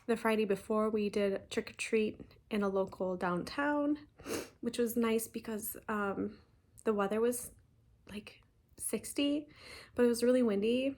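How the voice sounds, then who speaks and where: A woman, chatting casually in a stitching vlog, talking fast and rambling with many ums and restarts. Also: fairly high pitch, a little mellow. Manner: talks fast. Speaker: flosstube host.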